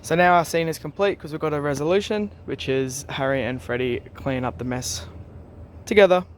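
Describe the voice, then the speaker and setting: A man giving recorded class instructions in a relaxed way, with plenty of "um"s. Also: fairly high pitch, fairly quick, a little hiss or hum. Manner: relaxed, many fillers. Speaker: teacher.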